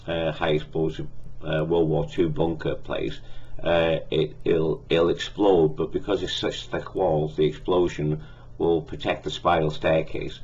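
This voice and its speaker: Very deep, gravelly man. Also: darkish tone, lo-fi sound, slight background noise. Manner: halting, many fillers and self-corrections. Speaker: film reviewer. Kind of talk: casual spoken film review.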